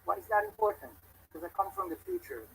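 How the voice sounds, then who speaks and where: A man's voice: sits high, wildly swooping pitch, fast talker, gravelly, a little hiss or hum, rough recording. A man from Venezuela, giving a solemn public speech as a warning. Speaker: speaker at a public event.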